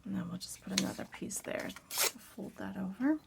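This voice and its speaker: Raspy-voiced woman, casual crafting host, soft-spoken, drifts into whispers. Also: mid-range voice, sing-song, a little fast, heavy background noise. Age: adult parent.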